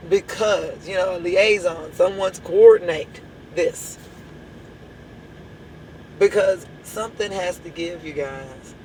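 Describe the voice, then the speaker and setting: Her voice lowish, slow and a little mellow, a hoarse woman with a drawl leads her church in a passionate, emphatic address built on repeated rhetorical questions. The recording is low quality, with a faint hum underneath.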